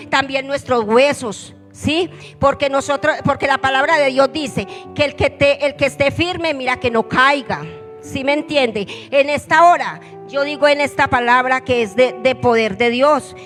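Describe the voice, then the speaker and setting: A woman's voice: sits high, fairly bright tone, in a large hall. A woman church leader preaching a fervent sermon and putting questions to the congregation.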